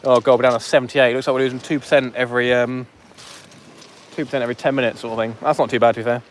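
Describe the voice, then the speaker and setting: A man's voice: mid-range voice, level tone, racing, a little hiss or hum. A man hosting a live fishing stream outdoors on a beach, chatting and joking with viewers through a phone mic. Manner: jokey, chatty, banters with viewers. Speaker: fishing livestream host. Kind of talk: casual live commentary to chat.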